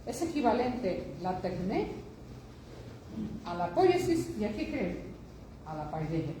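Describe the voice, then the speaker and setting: A woman's voice: mid-range voice, very animated, takes it slowly, mellow. An older woman giving an academic lecture, emphatic, asking rhetorical questions and repeating phrases for effect. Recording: noisy echoey room.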